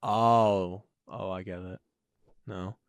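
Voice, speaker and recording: A man's voice: deep voice, fairly even intonation, slow pace, vocal fry, smooth, no room sound. A man with a broad Scottish accent in casual chat, reacting with incredulous, sweary, slangy questions.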